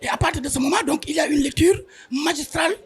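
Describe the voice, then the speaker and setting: A man's voice: extremely high pitch, fast talker. A man with a Senegalese accent, a school head, explaining teaching methods step by step in an emphatic, repetitive way. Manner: emphatic, stepwise explaining, often repeats words. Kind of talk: explanatory interview answers.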